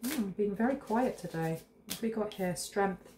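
Expressive, mid-range and moderately paced, a woman in her thirties gives a casual tarot reading in her kitchen, sniffling from a cold. She chats intuitively to camera with plenty of rambling asides; the room is echoey and faintly hissy.

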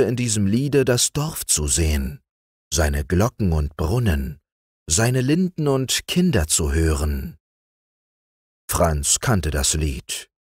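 A man narrates a bedtime fairy tale in a calm, soothing way. His low, husky voice moves at a very slow pace, with a lively, melodic rise and fall, recorded close and dry. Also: dry recording. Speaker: audiobook reader.

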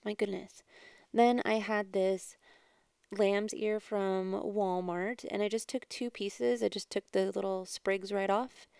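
A woman giving a casual, chatty do-it-yourself voice-over as a craft vlogger, with a creaky yet smooth voice. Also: medium pitch, darkish tone, no room sound, clean studio sound. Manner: chatty, informal. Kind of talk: casual DIY voice-over narration.

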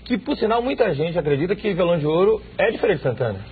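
A man in his thirties interviewing a guest in a TV studio, asking quick, lively questions on a lapel mic. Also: high-pitched, a little hiss or hum. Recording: tinny lo-fi broadcast audio.

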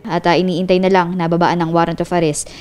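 A woman's voice: on the low side, little pitch movement, fairly quick, a little mellow, clean tone. A woman interviewing complainants on a TV complaint program, asking direct but polite questions.

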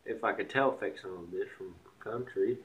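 A man's voice: on the low side, normal speed, a bit bright, slight background noise, low-quality recording. A young man with a slight Southern country accent, rambling bluntly and swearing in a casual vlog rant. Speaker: vlogger.

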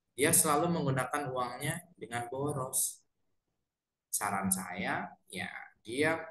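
A man's voice: mid-range voice, roomy sound, poor audio. A man teaching an online English lesson over a video call. He explains each pattern in English, translates it, and asks his students for questions. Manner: asks learners for questions in a friendly way.

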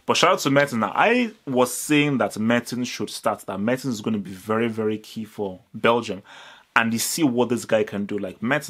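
A young man hosting a football channel, giving animated direct-to-camera match analysis indoors, stressing points and repeating words. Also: medium pitch. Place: indoors, small room with curtains.

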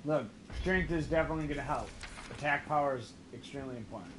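A man's voice: mid-range voice, fast talker, roomy sound, background noise. A man watching a friend play a video game, chatting and giving his opinions with easy laughter. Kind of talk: casual let's-play chat.

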